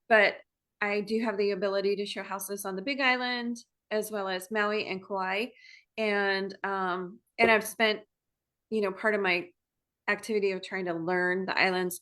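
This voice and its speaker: A middle-aged woman from Maryland joins a podcast as a guest. Her voice is bright and forward, and she talks in a friendly, unhurried way, often pausing on fillers. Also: mid-range voice. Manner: friendly, relaxed, many fillers and restarts. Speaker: guest real estate agent. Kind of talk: casual conversational interview.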